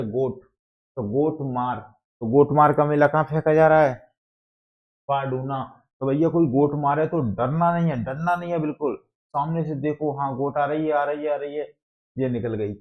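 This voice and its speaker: A male teacher, explaining exam facts through memory tricks and asking the class questions again and again. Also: medium pitch. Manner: repetitive, call-and-response questioning. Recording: dull lo-fi sound.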